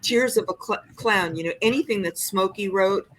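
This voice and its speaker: In a low-quality recording, an older singer-songwriter discusses her craft reflectively and expressively for a podcast interview, often restarting sentences. Her medium-pitched voice is fairly bright, at a moderate pace.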